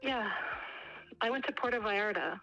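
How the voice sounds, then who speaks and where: A woman's voice: mid-range voice, moderate pace, pushed and bright, soft background music. Teasing woman caller on speakerphone. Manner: playful teasing. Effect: on speakerphone over a phone call. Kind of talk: casual chat. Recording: muffled speakerphone call audio.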